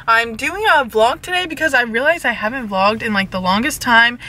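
A woman's voice: a little high, fairly quick, pushed and bright. A young woman vlogging into a handheld camera from inside a car, chatty and full of "like". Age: young adult. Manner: chatty, says "like" a lot. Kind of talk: casual vlog chat. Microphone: handheld camera at arm's length.

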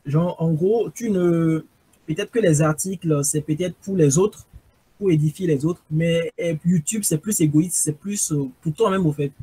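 A man's voice: fairly high pitch, moderate pace, dark tone, slightly rough, dry recording. A man with a Beninese French accent hosting an interview, asking curious, teasing questions. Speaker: interviewer host.

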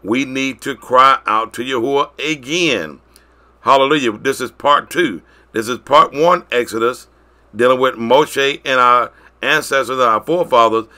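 A man preaching a sermon, moving between loud declarations and quiet, drawn-out phrases. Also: medium pitch.

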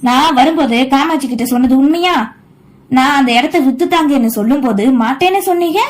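A woman's voice: high-pitched, a little fast, natural voice. A woman voicing a pushy middle-aged son who insistently demands money from his father in a storybook reading. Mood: demanding.

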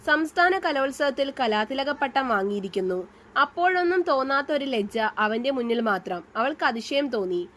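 A woman reads a romance story aloud in a measured, even way, her voice pitched high. A faint hiss sits under the reading. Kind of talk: scripted story narration.

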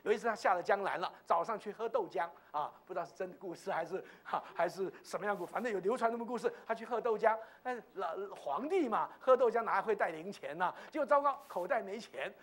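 A man preaching a gospel sermon in a church meeting hall, animated and exclamatory, laughing as he tells stories. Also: high voice, fast, hardly any pauses.

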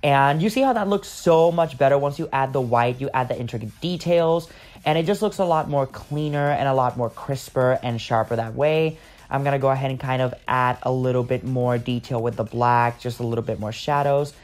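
A man's voice: mid-range voice, brisk. Chatty man rambling through a makeup voice-over. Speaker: makeup artist. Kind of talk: casual voice-over tutorial.

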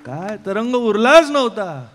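A man giving a devotional kirtan sermon, with rhetorical questions and sudden swings from soft to loud. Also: sits high, sing-song, a little slow, faint music behind. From Mumbai, India. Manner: rhetorical, keeps asking "kay", swings between soft and loud. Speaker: kirtan preacher.

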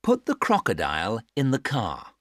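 A woman's voice: rumbling low, wildly swooping pitch, moderate pace, a bit bright, dry recording, studio quality, full character voice. A woman acting a patient adult giving simple instructions in careful, stilted textbook dialogue. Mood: patient, instructive. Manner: careful, over-clear instructing.

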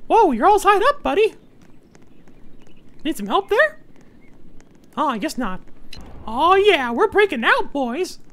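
A man voicing a small, excitable cartoon mouse in a squeaky falsetto, commentating on a video game in character. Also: slow, pauses often, exaggerated voice. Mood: cheery. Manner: excitable, exclaiming, panics easily.

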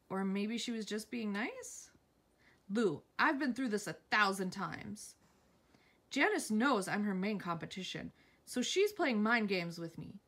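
A woman reading TV captions aloud at speed, jumping between reading and her own quick asides. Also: mid-range voice, pushed and bright.

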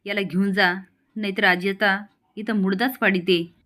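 A woman's voice: medium pitch, steady tone, normal speed, sharp tone, close to an everyday voice. A woman doing a blunt scolding village grandmother. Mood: sharp, indignant. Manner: scolding, blunt rustic talk. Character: scolding village grandmother, old, sharp-tongued.

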